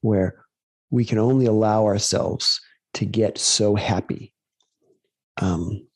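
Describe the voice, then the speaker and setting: A man's voice: fairly low pitch, fairly even intonation, takes it slowly, husky, no room sound. A man guiding a meditation series, talking casually and rambling with many fillers and restarts. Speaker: meditation guide. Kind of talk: casual spoken reflection.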